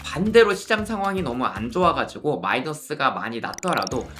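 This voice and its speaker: A man's voice: medium pitch, expressive, a little fast, fairly bright tone. A man in his thirties, an insurance planner, giving a persuasive explainer talk full of rhetorical questions. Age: 30s. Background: background music.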